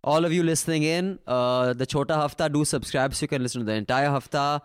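A man's voice: fairly high pitch, fast, faint music behind. A man with an educated upper-class Indian accent, hosting a casual political panel discussion, blunt and slipping between English and Hindi. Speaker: panel show host.

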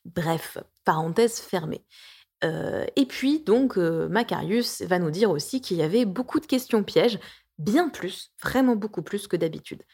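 A woman of about forty hosts her own podcast, reading her writing aloud with a teasing, playful sense of humour. She keeps stepping out of the text for chatty asides, hesitating and restarting as she goes, and her voice sits at an ordinary middle pitch. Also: expressive, measured pace, creaky, darkish tone, slightly rough. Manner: playful and jokey, with self-mocking asides. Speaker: podcast host, coach and therapist.

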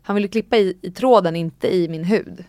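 A woman's voice: dark tone, no echo. Young woman, casual frank chat host, dry studio sound. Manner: candid storytelling, acts out quotes with jumps in pitch.

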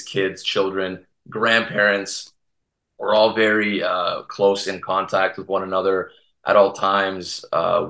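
Deep-voiced earnest man, echoey room. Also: a bit bright. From Toronto, Canada. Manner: earnest, halting, many restarts. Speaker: guest from a Serbian community TV channel. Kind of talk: casual podcast interview.

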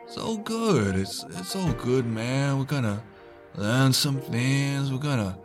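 A man's voice: medium pitch, animated, takes it slowly. A man voicing a laid-back emotion who drawls and keeps saying "like" and "man". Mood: mellow. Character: laid-back stoner-ish male emotion, contentment. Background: music.

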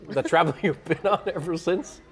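A man's voice: a little high, normal speed, vocal fry. A man hosting an interview over lunch, hesitant, with many uhs and repeated words. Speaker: podcast host.

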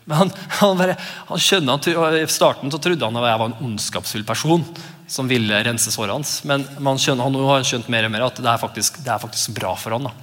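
A male pastor in his thirties giving a lively, conversational sermon, sometimes acting out voices in his exclamations. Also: medium pitch. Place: church. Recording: long church reverb.

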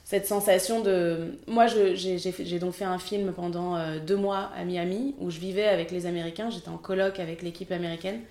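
A woman's voice: fairly low pitch, steady tone, fairly quick, hardly any pauses, darkish tone, roomy sound. A French woman in her thirties, a film assistant director, chatting candidly in an interview with many fillers. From France. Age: 30s. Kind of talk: casual interview.

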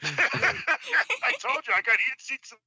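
A man calling in over a phone on speakerphone, telling stories in a casual, animated and jokey way. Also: very high-pitched, slow pace, slightly rough, dry recording. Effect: heard over a phone on speakerphone. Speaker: caller. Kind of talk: casual storytelling on a talk show.

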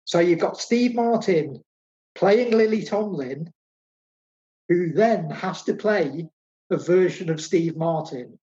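Guy raving about a movie, kinda high voice, muffled dull audio. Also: expressive, slow pace, warm tone. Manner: enthusiastic, emphatic, repeats phrases. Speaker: film podcast co-host. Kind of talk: casual film discussion.

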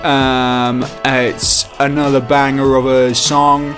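A man's voice: mid-range voice, flat delivery, slow, fairly bright tone, faint music behind. Rambling man hosting a podcast. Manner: rambling, filler-heavy and self-mocking. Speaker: podcast host. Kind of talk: casual chat.

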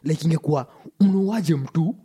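A man with a husky voice and a Kenyan accent talks casually and emphatically, mixing English with Swahili slang and often restarting and repeating himself. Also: fairly high pitch, normal speed, warm tone. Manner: emphatic, stop-start delivery with repetition. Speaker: podcast co-host.

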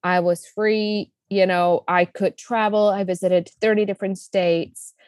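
A woman from the Czech Republic in her thirties, a business coach with a Czech accent, tells her story in a casual interview, enthusiastic and chatty with many fillers. Her mid-range voice is steady, unhurried and darkish. The recording is dry and studio quality.

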